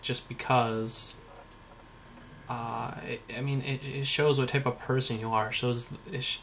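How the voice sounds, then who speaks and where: A man's voice: medium pitch, a bit bright, a little hiss or hum. A young man telling a story in a casual vlog, sarcastic and rambling, full of fillers and swearing. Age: young adult. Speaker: vlogger.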